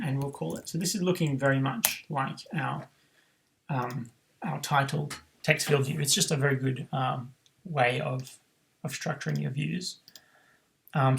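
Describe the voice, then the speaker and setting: In a screen-recorded coding tutorial, a man with a highish, creaky voice reasons aloud as he teaches, frequently saying "um" and correcting himself. The audio quality is poor.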